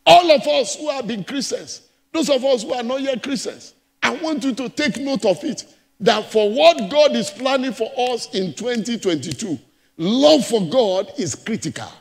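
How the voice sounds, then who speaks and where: A pastor preaching a sermon, emphatic and repetitive, moving between loud and soft passages. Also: male voice, very high-pitched, lively intonation, normal speed, long reverb tail. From Nigeria. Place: church.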